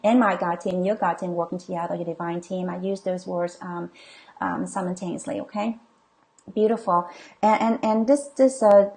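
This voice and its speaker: A woman's voice: lowish voice, steady tone, normal speed, gravelly, darkish tone. A middle-aged woman coach and healer hosting a live online session, reading viewer comments and reassuring them with frequent "okay?" and filler sounds. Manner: reassuring, many okays and ums, reads comments aloud.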